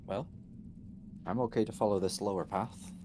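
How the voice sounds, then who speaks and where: A man's voice: fairly low pitch, normal speed, noisy background. A man playing a tabletop game, cautious and weighing the options aloud. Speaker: player. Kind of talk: casual tabletop play.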